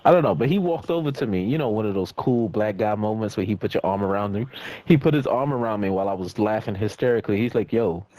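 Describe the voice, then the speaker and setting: A young man telling a story in casual chat while gaming, animated and laughing often. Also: quick pace. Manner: animated, laughing storyteller with big pitch jumps. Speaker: gamer chatting with friends. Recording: noisy game chat audio.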